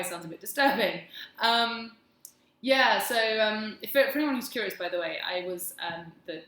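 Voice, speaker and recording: Speaking on the low side with a fairly bright tone, this plummy-accented English vlogger talks casually to the camera. Her chat is rambling, wry and self-mocking, and the echoey room carries a faint hum of background noise.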